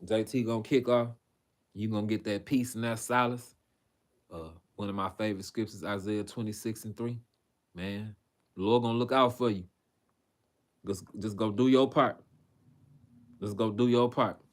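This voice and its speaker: A man reading scripture on a livestream, with casual, profane asides and halting, filler-laden commentary. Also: on the low side, fairly even intonation. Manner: halting, frequent fillers and restarts. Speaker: preacher on a livestream.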